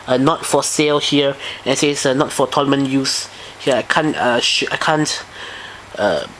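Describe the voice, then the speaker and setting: A man's voice: a little high, fairly bright tone, slight background noise. A man casually reviewing his card collection on camera, eager and rambling, often repeating himself. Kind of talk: casual home video review.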